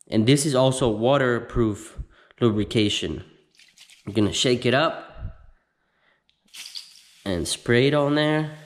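A man in his thirties hosting a casual how-to video in a home garage, explaining each step slowly with plenty of ums and restarts. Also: medium pitch. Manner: slow, halting step-by-step explaining with many fillers. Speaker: host of a how-to channel. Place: home garage with door open.

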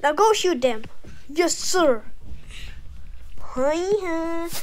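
A woman's voice: sits high, unhurried, a little mellow. A woman improvising a play-acted story, speaking the dialogue of several characters in a playful, dramatic back-and-forth.

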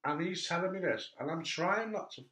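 Middle-aged guy hosting a chat, gets loud and animated telling stories, echoey room. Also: high voice, fairly quick. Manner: animated storyteller, voice jumps up when telling funny bits. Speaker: host. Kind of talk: casual interview chat.

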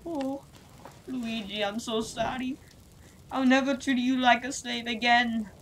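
A man's voice: very high-pitched, steady tone, measured pace, a bit bright, full character voice. A man voicing an apologetic video game hero in an amateur skit, whiny and melodramatic. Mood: pleading, sorry. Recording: noisy home recording with clicks.

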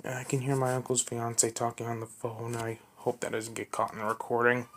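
A man's voice: medium pitch, monotone, fairly quick, a little hiss or hum. A young man talking to himself at home between voice takes, muttering and critiquing his own reads. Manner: muttering, self-critical asides. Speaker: amateur voice actor. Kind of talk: casual self-talk between recorded takes. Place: home room.

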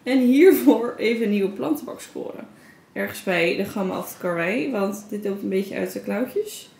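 A young woman with a Dutch accent, chatting casually to a handheld camera at arm's length in her apartment, thinking aloud in a relaxed way. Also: mid-range voice, normal speed, vocal fry, a little hiss or hum. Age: young adult. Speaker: vlogger. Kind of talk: casual vlog chat. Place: apartment living room, indoors.

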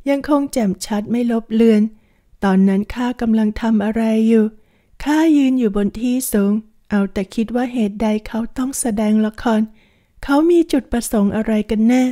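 Woman narrator for an audiobook, slightly high, mellow, calm and measured. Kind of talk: reading a translated historical romance novel.

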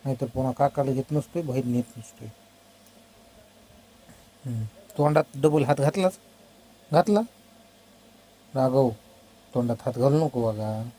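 A man's voice: medium pitch, a little slow, pauses often, warm tone, slight background noise, poor audio. A man minding a baby as its uncle, talking to it in casual baby talk, coaxing and mock-scolding with lots of repetition.

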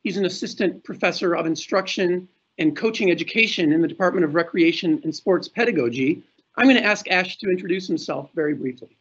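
A man's voice: sits high, brisk, a bit bright, breathy edge. A middle-aged man moderating a panel over a video call, formally reading introductions and announcements. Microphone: video call webcam. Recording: muffled video-call audio.

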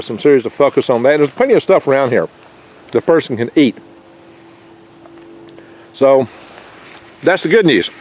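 An older man with a medium-pitched, darkish voice vlogs about foraging as a channel host from his garden among pine trees. His chat is rambling and folksy, peppered with small jokes and stumbles, and a handheld camera mic close by records it.

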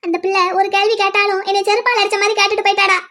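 A woman's voice: extremely high pitch, monotone, quick pace, fairly bright tone. A woman voicing an anxious mother of two grown sons in a cartoon, lamenting and blaming herself. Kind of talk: cartoon voice acting.

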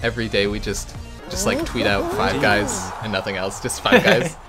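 A man's voice: on the low side, big pitch swings, normal speed. A man co-hosting a casual gameplay video, joking and rambling with frequent laughter. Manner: jokey, rambling, laughs often. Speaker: gaming channel co-host. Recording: game music behind.

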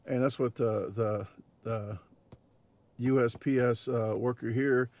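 This medium-pitched, slightly mellow voice stays steady and takes things slowly. It belongs to a competitive eater and vlogger in his forties with a Midwestern accent, chatting loosely into his dash camera from his parked car with many fillers and false starts.

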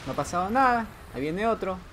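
A man giving joking running commentary while playing a horror game. He teases the character on screen and now and then lets out a sudden yell. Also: high-pitched, animated, fast talker, slight background noise. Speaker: gameplay commentator. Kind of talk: let's play commentary.

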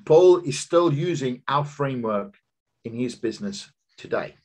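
Over a webcam video call from his home office, a business coach in his fifties presents a seminar with slides. He is earnest and unhurried, using personal stories with emphatic rises, and his darkish voice has lively intonation.

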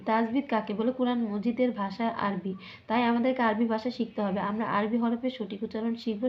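Woman teacher, slightly high voice, asks and answers her own questions, dull lo-fi recording. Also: slight background noise. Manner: asks questions and answers them herself, drawing out sounds. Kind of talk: classroom lesson explaining a textbook. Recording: muffled lo-fi recording.

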